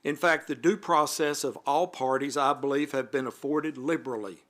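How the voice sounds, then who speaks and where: At a council meeting, a male city alderman delivers prepared remarks formally, now and then adding an aside. His voice is medium in pitch and a bit bright, and he speaks at normal speed.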